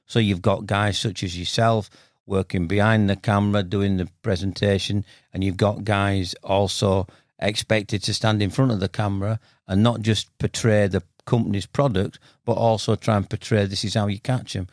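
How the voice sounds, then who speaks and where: Low-leaning and level, at normal speed, the voice belongs to a sixty-something carp angling veteran from Bradford in Yorkshire, northern England. Appearing as a podcast guest, he chats casually and spins stories in a plain-spoken, matey, colloquial style with a Yorkshire accent. The studio-quality recording has no room sound.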